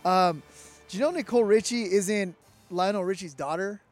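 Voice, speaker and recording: High-pitched chatty man. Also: normal speed, darkish tone, no echo, faint music behind. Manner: rambling, jokey, trails off with fillers. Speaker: podcast co-host. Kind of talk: casual chat. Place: hotel lounge by a freeway.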